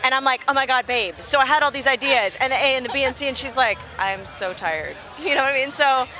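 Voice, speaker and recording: A young woman from Texas, a musician being interviewed outdoors, telling stories in an animated, chatty way and laughing easily. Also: high-pitched, fast, a little hiss or hum. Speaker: musician guest. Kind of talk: casual interview chat. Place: outdoors at a festival near traffic.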